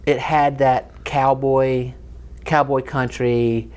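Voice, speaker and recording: A man's voice: medium pitch, flat delivery, takes it slowly, darkish tone, clean tone. Enthusiastic man explaining guitar history. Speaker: co-host of a guitar shop show. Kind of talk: casual chat.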